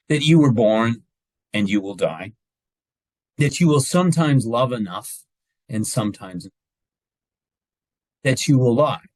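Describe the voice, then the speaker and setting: Slow, hesitant man on a dry video call. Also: mid-range voice, a little mellow, no echo, rough recording. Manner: hesitant, many ums before the reading. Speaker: pastoral relations minister. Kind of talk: reading a poem and leading prayer.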